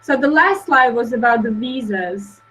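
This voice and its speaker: Young woman, webinar guest, halting delivery, fairly high voice. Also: expressive, fairly bright tone, rough recording. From Croatia. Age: young adult. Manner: hesitant, filler-heavy, many restarts. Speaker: guest speaker. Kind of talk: webinar presentation.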